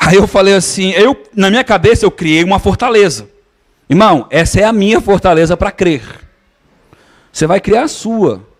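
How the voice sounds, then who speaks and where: High-voiced preacher telling a story. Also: male voice, lively intonation, moderate pace. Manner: storytelling, conversational, addresses listeners as brothers. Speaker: pastor. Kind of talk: sermon.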